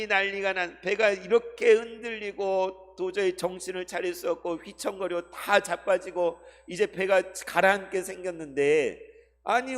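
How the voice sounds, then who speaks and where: A male pastor giving a Sunday sermon, asking the congregation questions and swinging between loud and hushed delivery. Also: high voice. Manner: addresses the congregation with rhetorical questions; dramatic shifts between loud and soft delivery. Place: church sanctuary. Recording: long hall reverb.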